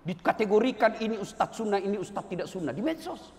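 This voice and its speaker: A middle-aged man with a Makassar accent, preaching a sermon, who swings between loud emphatic lines and soft quoted asides. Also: high voice, very animated, fast. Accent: Makassar Indonesian. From Indonesia. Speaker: lecturer. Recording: roomy hall, faint background noise.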